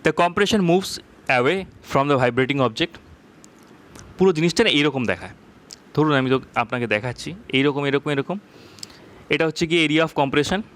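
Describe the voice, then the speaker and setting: A man teaching a physics lesson, explaining in a conversational way and reading textbook lines slowly, often checking if it's clear. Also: fairly high pitch, fairly bright tone.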